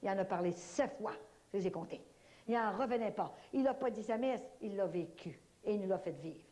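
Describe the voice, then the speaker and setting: Woman, Québécois accent, religious testimony, folksy storytelling, warm mellow voice. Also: mid-range voice, a little fast. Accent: Québécois French. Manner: animated, folksy storytelling with many "là" fillers. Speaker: lay speaker giving a religious testimony. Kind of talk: spoken religious testimony to an audience.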